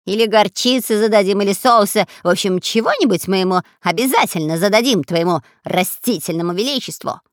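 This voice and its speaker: A jittery, cowardly robber with a long nose whines and squeals, as a woman narrator puts him on, his voice pushed high. He sounds loud and bickering, close and dry for an audiobook. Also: very animated, normal speed, dry recording. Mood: squealing. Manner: whining, squealing, quarrelsome. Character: whiny, cowardly long-nosed male robber. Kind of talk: audiobook character voice.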